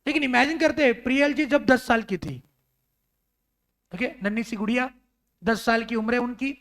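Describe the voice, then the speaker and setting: A man's voice: extremely high pitch, moderate pace, fairly bright tone. A man teaching a law lecture in a classroom, acting out little scenes and talking with students, mixing in English terms.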